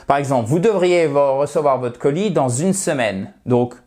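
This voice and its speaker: A man teaching English grammar in a chatty, lively lesson, slowing down to model English words. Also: medium pitch.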